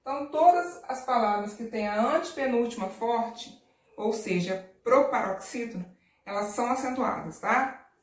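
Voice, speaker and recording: A woman teacher giving a patient recorded lesson to children, stretching out words to show their stressed syllables. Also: fairly high pitch. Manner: patient, drawn-out word stress, frequent "tá?" and "ó". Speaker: primary school teacher. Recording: echoey room, distant mic.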